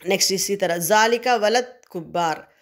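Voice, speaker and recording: A woman's voice: mid-range voice, normal speed. A woman teacher going through an exam revision lesson step by step, posing questions to her students and answering them, checking in with "okay?" often.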